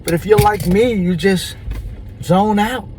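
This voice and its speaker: A man talks slowly through a casual vlog monologue while chewing gum, his voice sitting a bit high. He keeps checking in with the listener through rhetorical asides. Faint car noise hums behind him. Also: low-quality recording. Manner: animated, drawn-out, rhetorical asides with "right?". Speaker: vlogger.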